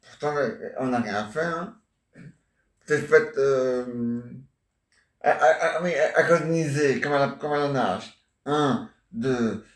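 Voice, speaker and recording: A man retelling and acting out a stage comedy in a halting, playful way, full of restarts. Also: mid-range voice. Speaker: theatre amateur. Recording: roomy sound from a distant mic.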